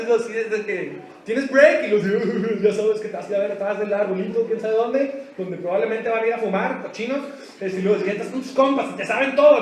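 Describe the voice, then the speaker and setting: A man's voice: very high voice, roomy sound. A Mexican man preaching as a pastor at a youth conference, joking in slang and acting out the people he talks about. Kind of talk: youth sermon. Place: large hall at a youth conference.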